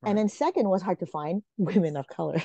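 A Malaysian woman in her forties, a guest in a casual video-call interview from her home, speaks earnestly with many fillers and restarts. Her lowish voice is brisk, with lively intonation, vocal fry, a dark tone and no room sound, and the webcam mic makes it dull and lo-fi.

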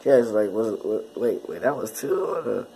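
A man's voice: lowish voice, big pitch swings, fairly quick, dark tone. A teenage boy giving casual, exasperated commentary on his own old videos, often repeating himself. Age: teens. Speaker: YouTuber.

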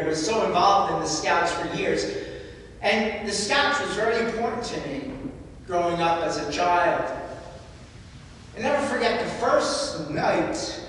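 A man's voice: sits high, a bit bright, slight background noise. A man giving a sermon, telling personal stories and sometimes moved by emotion. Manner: personal storytelling, emotional at times. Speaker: homilist. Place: large church. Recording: echoey church hall from far off.

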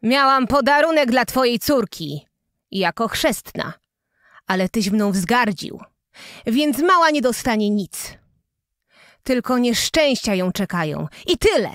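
A woman's voice: on the high side, very animated, slow, a bit bright, no room sound, clean studio sound, heavily acted. A woman voicing an ugly, scheming old village witch in a storybook tale, speaking in an ominous, grudging way. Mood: resentful.

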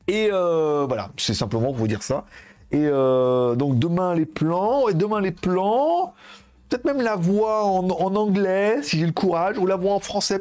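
A tech streamer rambles and jokes about phones and his plans during a casual live stream, swearing now and then as he handles the devices. His voice is fairly high-pitched and a little mellow.

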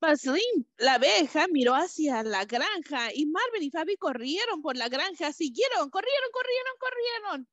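A woman reading an adventure story to children in a playful, sing-song, animated way. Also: high-pitched, normal speed, hardly any pauses, no room sound, highs cut off.

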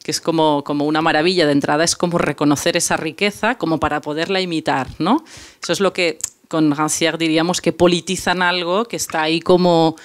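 A man's voice: fairly high pitch, fairly even intonation, brisk. A man giving an art course lecture, hesitant, with many restarts and tag questions.

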